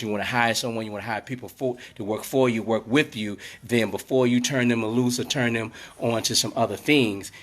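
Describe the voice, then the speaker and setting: A man who is under the weather, his voice rumbling, hosts a casual motivational live stream from inside his closed hair salon, talking into a phone. He rambles and repeats himself, with many fillers. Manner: rambling, repetitive pep talk with many fillers.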